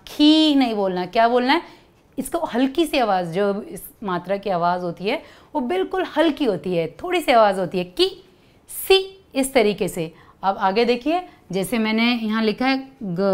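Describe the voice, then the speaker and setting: A woman leads a lesson for small children in a smooth, clear voice pitched a little high. She is patient and goes step by step, stretching out each sound and asking the kids to say it back to her. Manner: stretches syllables and asks kids to repeat. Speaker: teacher.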